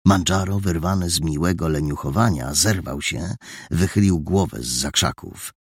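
A man narrating a storybook in a steady, measured reading style. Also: rumbling low, husky, no room sound, studio quality.

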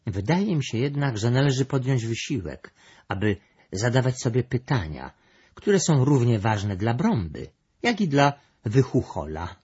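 A thoughtful female creature from a storybook, musing slowly over big questions in a husky voice, put on by a man reading aloud. Her lines rise and fall with a lively lilt. The recording sounds dull and lo-fi. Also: mid-range voice, voice pushed up, full character voice. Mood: reflective.

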